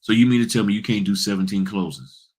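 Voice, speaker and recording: Deep-voiced man giving blunt straight talk. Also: fast, a little mellow. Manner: blunt, rhetorical, teasing. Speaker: notary business channel host. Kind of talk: casual, preachy straight-talk monologue.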